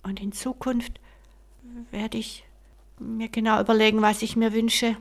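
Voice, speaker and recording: A woman voicing an anxious young prince who pleads in a breathy half-whisper, as whispered role-play. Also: a little high, level tone, measured pace. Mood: earnest.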